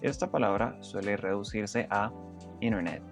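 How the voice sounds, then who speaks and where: A man's voice: lowish voice, normal speed, over music. A man narrating a pronunciation lesson, explaining sounds step by step and demonstrating them aloud. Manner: methodical, breaks down sounds step by step. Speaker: pronunciation teacher.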